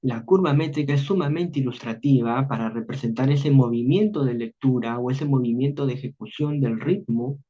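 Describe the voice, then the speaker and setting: A man with a Peruvian Spanish accent giving an online university literature lecture, measured and repeating phrases as he explains. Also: medium pitch, warm tone, husky. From Peru. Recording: dull lo-fi online class audio.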